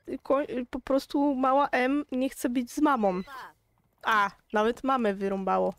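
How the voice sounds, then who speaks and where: Speaking a little slowly in a high voice with fairly even intonation, a young Polish-accented woman who makes gaming videos talks straight to her audience. Her commentary on the gameplay is chatty, casual and exasperated.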